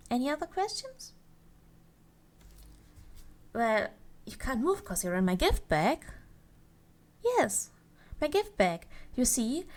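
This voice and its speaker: In an ASMR roleplay, a woman with a slightly high voice plays a cheerful, possessive yandere elf. She addresses the listener in a coy, playful way, drawing out her phrases.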